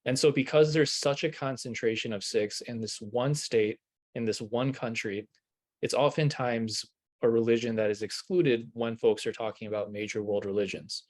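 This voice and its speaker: A man presenting in a workshop on a video call, speaking in a relaxed, conversational way with many fillers. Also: mid-range voice, moderate pace.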